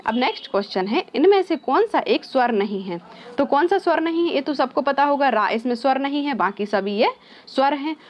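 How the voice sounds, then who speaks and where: Woman, exam-prep teacher, fairly high voice, answers her own questions, mixes in English words, slightly muffled recording. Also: expressive, fairly quick. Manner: asks questions then answers them herself. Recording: slightly dull, lo-fi sound.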